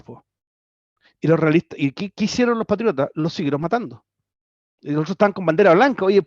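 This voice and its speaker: A man with a high voice and a Chilean accent teaches history online in a conversational style, frequently using tag questions and restarting. He's on a video call with a computer mic, so the audio is dry and slightly dull, with no room sound.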